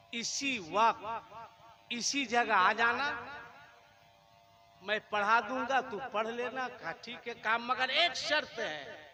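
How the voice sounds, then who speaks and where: A man preaching a religious sermon, telling a story in a soft voice and then loudly scolding his listeners. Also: very high voice. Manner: shifts from soft storytelling to loud scolding of the audience. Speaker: Islamic preacher.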